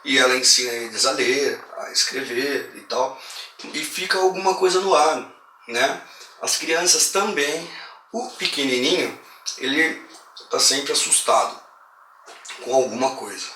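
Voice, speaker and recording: A man with a Brazilian accent recaps a horror movie in a loose, slangy way, his voice bright and forceful. He sounds a little away from the mic in an echoey room with a faint hiss behind him. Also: mid-range voice, measured pace, pauses often, recorded from a distance. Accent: Brazilian Portuguese. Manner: slangy, animated retelling that acts out quoted lines. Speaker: horror film reviewer. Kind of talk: casual film recap. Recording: roomy echo, voice a bit off-mic, faint hiss.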